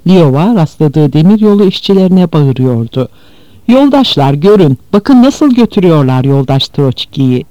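A man giving a measured, grave scripted narration of a memoir as an audiobook reader. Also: fairly high pitch, mellow, dry recording, dull audio.

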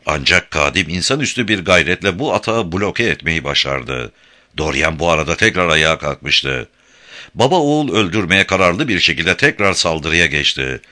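Deep, bright, expressive male narrator. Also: normal speed. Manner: dramatic, expressive storytelling. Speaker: audiobook narrator. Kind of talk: dramatic scripted narration.

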